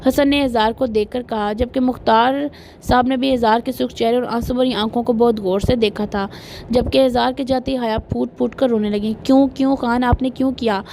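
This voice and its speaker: A woman narrating a romance novel as a steady audiobook reading. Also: on the high side, vocal fry, slight background noise.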